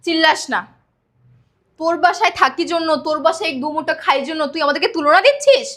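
A woman's voice: very high-pitched, quick pace, a bit bright. A woman playing a scheming elder sister who snaps back defensively. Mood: defiant. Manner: defensive, retorting. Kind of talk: amateur drama acting.

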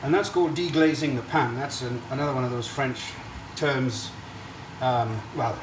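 A man's voice: mid-range voice, normal speed, recorded from a distance. Man hosting an echoey kitchen cooking demo. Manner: chatty, explanatory, digressive. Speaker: cooking show host. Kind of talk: casual cooking demonstration to camera. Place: indoor kitchen at a stove. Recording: echoey kitchen, off-mic, hiss and sizzle. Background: frying sizzle and stirring.

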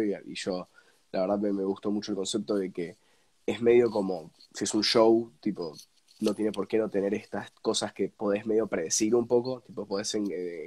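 A young man with an Argentine accent, congested and snotty from a cold, chatting casually as an interview guest and haltingly repeating words as he searches for phrasing. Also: lowish voice, darkish tone. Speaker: interview guest, radio presenter. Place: indoors at home, on a video call.

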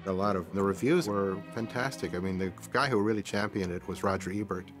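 A man in a retrospective interview, telling stories in a relaxed, reflective way. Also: low voice, fairly quick, music in the background. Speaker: director interviewee.

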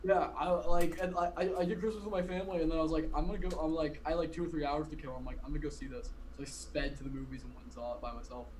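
A man's voice: on the high side, little pitch movement, racing, few pauses, darkish tone, a little hiss or hum, low-quality recording. A young man of about twenty chatting casually as a podcast guest, rambling and often cutting himself off mid-sentence. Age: around 20. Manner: rambling, filler-heavy, self-interrupting. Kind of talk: casual chat. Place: bedroom, indoors. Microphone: video call.

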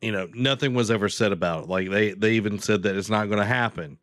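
Man in his thirties, low smooth voice, dry close headset sound, blunt opinionated co-host who hesitates with fillers. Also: fast talker, a bit bright, no echo. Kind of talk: casual gaming news chat. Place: home room with bookshelves. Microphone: video call headset.

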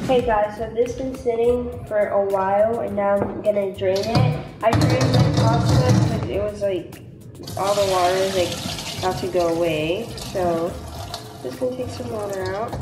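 This casual cooking vlog features a young woman talking through every step in her big home kitchen, her voice mid-range and her pace moderate. Filming is on a handheld camera that's at times set down farther off, and the echoey room has music in the background.

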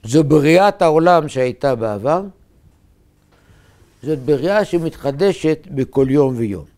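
A man, a rabbi, preaching a sermon in short, emphatic, measured phrases. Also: a little high, animated, warm tone.

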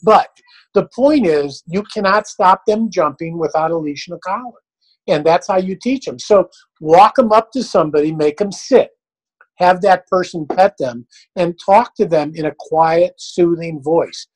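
A man's voice: high voice, unhurried, poor audio. An older man, a dog trainer, answering questions in a blunt, folksy, plain-spoken way.

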